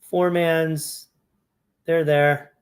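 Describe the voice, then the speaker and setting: A man's voice: fairly high pitch, flat delivery, drawn-out words, clear, resonant tone. Chatty man thinking aloud over data. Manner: thinking aloud, self-correcting, conversational. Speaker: fantasy sports analyst. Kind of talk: casual screen-share walkthrough.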